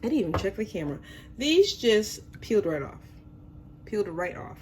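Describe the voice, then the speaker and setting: A woman's voice: mid-range voice, sing-song, moderate pace, slight background noise. A woman hosting a casual cooking demonstration, chatty and self-deprecating, with a voice that sounds a little under the weather. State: under the weather, voice affected by illness. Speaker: host of a home cooking show. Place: home kitchen.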